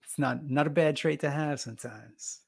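A man's voice: on the high side, moderate pace, vocal fry, husky, no echo, clean studio sound. A man from the Bronx with a slight New York accent, hosting and asking friendly questions. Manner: friendly, laughs often, asks questions. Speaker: podcast host. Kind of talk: casual interview chat.

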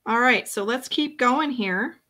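A woman's voice: on the high side, a little slow, bright, forceful tone. Chatty woman teaching painting live. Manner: chatty, self-talking while working. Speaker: painting instructor. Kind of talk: casual live-stream painting lesson.

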